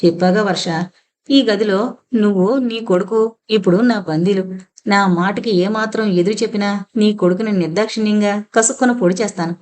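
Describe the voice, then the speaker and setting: A woman's voice: medium pitch, moderate pace, darkish tone, close to an everyday voice. A woman narrator voicing an obsessive, vengeful man just out of prison who taunts and threatens, mixing in English words. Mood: menacing. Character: obsessive vengeful male ex-convict, menacing.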